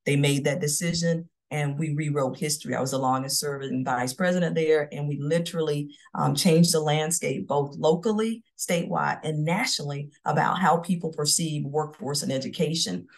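A woman's voice: low voice, moderate pace, few pauses. A middle-aged woman from Florida, telling her career story with confidence in a podcast interview. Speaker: guest, CEO.

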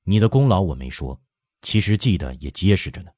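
A man giving voice to a composed imperial prince in an audiobook, speaking in a calm, flat and measured way as he delivers a stern rebuke. The voice is deep and dark, with a husky grain. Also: dry recording, clean studio sound, exaggerated voice. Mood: coolly stern.

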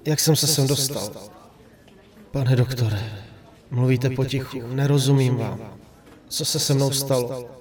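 A man's voice: mid-range voice, steady tone, pauses often, a little mellow, lightly acted. A man playing a sedated, despairing patient strapped to a hospital bed, speaking in a subdued, weary, grave audio drama monologue with a dry throat. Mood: confused. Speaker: hospitalized man telling his story. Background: faint background music.

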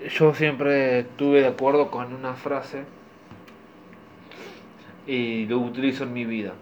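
A young man with a Rioplatense Spanish accent co-hosting a casual podcast, speaking quietly in a low-key, dry way. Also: little pitch movement, slow pace, lo-fi sound, slight background noise. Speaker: podcast co-host. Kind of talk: casual chat.

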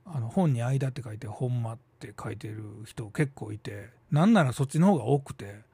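A man's voice: mid-range voice, lively intonation, mellow, slightly rough. A middle-aged man with a Kansai accent talking casually and musing aloud as the host of a solo talk show. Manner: chatty and musing, with quick asides and drawn-out hesitations. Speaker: theater troupe leader and podcast host.

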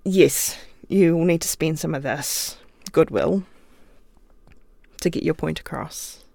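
New Zealand woman, interview guest; creaky, gravelly tone, dry close studio sound, easygoing and chatty. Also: sits low, takes it slowly, mellow, dry recording. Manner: chatty, laughs often, thinks aloud. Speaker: guest writer. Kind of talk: relaxed interview talk. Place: recording studio.

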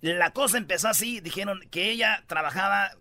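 A man hosting a radio countdown show, telling stories in slangy, animated comedy style and shouting punchlines. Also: high voice, fairly quick.

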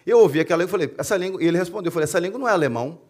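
Animated Brazilian pastor telling a story. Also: male voice, high-pitched, rapid-fire. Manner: animated storyteller, acts out dialogue, laughs often. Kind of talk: sermon storytelling. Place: church service.

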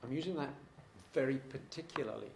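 A man's voice: medium pitch, brisk, vocal fry, darkish tone, a little hiss or hum. A man delivers a sermon to a gathered congregation, earnest and fond of repeating each point for emphasis. His voice sits in a middle register and carries a noticeable room echo, with a faint wash of ambience behind it. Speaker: preacher.

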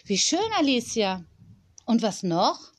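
A woman reading an audiobook, voicing a cheerful, whimsical woman teacher who speaks in a bright, sing-song, gently enthusiastic way. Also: medium pitch, animated, slow pace, husky. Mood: joyful, playful.

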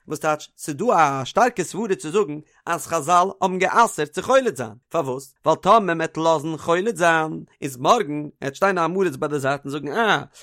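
A man teaching a study lesson, explaining a text with lively questions and a rising, falling singsong. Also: fairly high pitch. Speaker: Talmud teacher.

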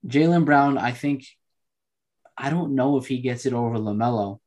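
A man co-hosting a sports podcast who cuts in quickly and often fact-checks and corrects himself. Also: mid-range voice, a little mellow. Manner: quick interjections, self-correcting. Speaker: podcast co-host. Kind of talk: casual sports chat.

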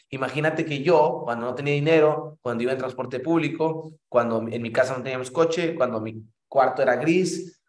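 A man with a Mexican Spanish accent delivers a motivational talk about his business. He speaks casually and with animation, often acting out quoted exchanges and tagging lines with a "¿no?". His voice sits at an ordinary middle pitch and has a noticeable room echo. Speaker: network marketing entrepreneur.

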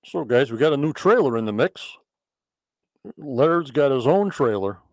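A man's voice: medium pitch, expressive, unhurried, no room sound. A man hosting a casual live discussion, chatty and enthusiastic, repeating his words of praise. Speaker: podcast host.

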